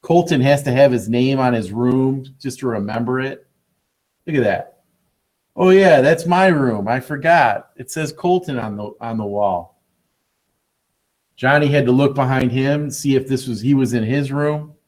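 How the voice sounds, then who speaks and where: A man's voice: medium pitch, normal speed, darkish tone. A male biology teacher teaching an online class by video call, teasing and sarcastic with his students.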